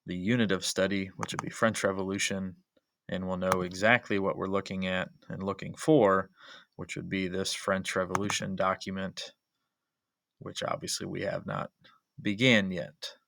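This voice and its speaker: A man's voice: low-pitched, little pitch movement, moderate pace, gravelly, noisy background. A male history teacher narrating a screen-recording tutorial as a voice-over, explaining each step methodically with frequent "uh" and "um" fillers.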